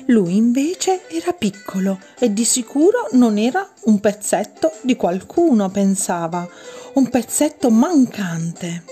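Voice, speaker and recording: A woman reading a picture book aloud to children, slow and expressive, stretching her words. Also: mid-range voice. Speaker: storyteller for children.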